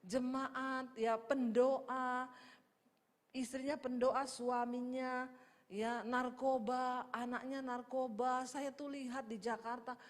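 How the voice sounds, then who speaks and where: A middle-aged woman pastor preaches, her voice sitting a little high. She tells a personal story to her congregation and acts out each person in it. The sound trails off in the long reverb of a church hall. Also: slow. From Indonesia. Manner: lively anecdotes, acts out voices in dialogue, addresses the congregation. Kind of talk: sermon storytelling.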